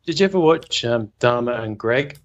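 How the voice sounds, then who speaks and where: A man co-hosting a relaxed conversation about storytelling. His voice sits in an ordinary middle pitch. He tells anecdotes in a rambling, chuckling way. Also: moderate pace, dull audio, a little hiss or hum. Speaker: podcast co-host. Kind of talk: casual craft discussion.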